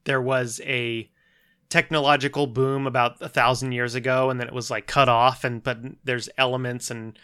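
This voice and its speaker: A man's voice: medium pitch, flat delivery, normal speed, bright, forceful tone, smooth. A man talking casually about a shared tabletop game, rambling with many restarts and fillers. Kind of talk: casual podcast chat.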